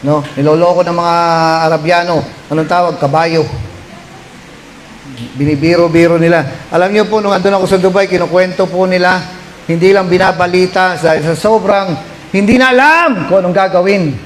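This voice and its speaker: High-voiced Filipino pastor telling a story. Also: male voice, moderate pace, a little hiss or hum, poor audio. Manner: animated, rising to shouts when voicing pleas. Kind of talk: storytelling sermon.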